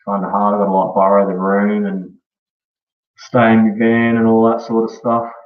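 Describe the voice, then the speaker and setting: A man's voice: lowish voice, level tone, normal speed. Echoey, distant, laid-back Australian guy. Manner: laid-back slangy talk, often ending on "eh" and "bro". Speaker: live streamer. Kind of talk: casual live stream chat. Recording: dull echoey room, far from mic.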